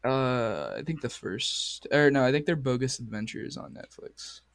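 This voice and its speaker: A man hosting a podcast, chatting casually with crude, excitable banter while straining a sore voice. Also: medium pitch, moderate pace. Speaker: podcast host. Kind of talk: casual chat.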